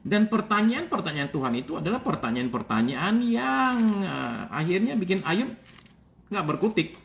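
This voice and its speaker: A male pastor preaching with a fairly high, very lively voice. He talks in a relaxed, chatty way, tossing in quick "ya" asides as he tells the story. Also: vocal fry, slight background noise. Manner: casual, animated storytelling with frequent "ya" fillers. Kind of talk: sermon.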